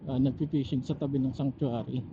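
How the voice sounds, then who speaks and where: Here a Filipino-accented motovlogger who also fishes talks to himself while on his motorcycle, in a loose, reflective vlog style with pauses mid-thought. The voice is mid-range with fairly even intonation, captured through a helmet intercom that sounds dull and carries faint noise.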